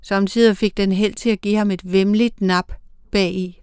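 A woman narrating a storybook tale in a measured, expressive way. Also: medium pitch, smooth, dry recording, studio quality. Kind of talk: storybook reading.

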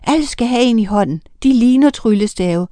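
A commanding witch mother snaps out orders to her household, voiced by a woman reading aloud. The delivery is brisk and firm, recorded close and dry. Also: on the high side, animated, dark tone, no echo, lightly acted. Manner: quick commanding.

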